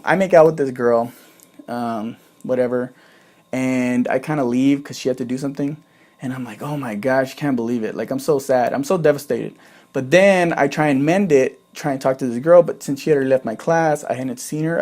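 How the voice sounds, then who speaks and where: A man's voice: fairly high pitch, darkish tone. A man in his twenties telling a personal story in a casual monologue, chatty, with lots of "like" and swearing. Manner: chatty, swears often, fills with "like".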